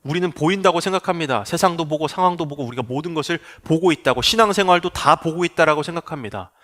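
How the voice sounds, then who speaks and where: A man preaching a sermon as pastor, acting out townspeople in quick dialogue. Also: a little high. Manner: acts out crowd voices in lively dialogue.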